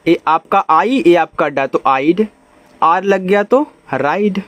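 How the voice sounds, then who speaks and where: A man teaching English phonics in Hindi, spelling out letters slowly and asking his students questions as he explains each step. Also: high-pitched, lively intonation, a bit bright, no echo. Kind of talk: spoken phonics lesson.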